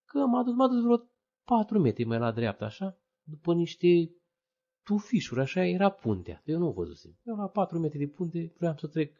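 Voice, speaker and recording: A Romanian man telling his own conversion story as a testimony, acting out the voices of friends and others with sudden high, loud bursts. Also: big pitch swings. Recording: dull lo-fi recording.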